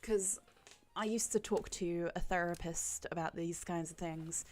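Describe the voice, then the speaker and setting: Bubbly woman streamer, low-ish voice, casual chatter to her viewers over soft game music. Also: steady tone, a little slow. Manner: chatty, bubbly, thinks aloud and greets chat. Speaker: livestreaming gamer. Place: at home with a cat on her lap. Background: faint game music.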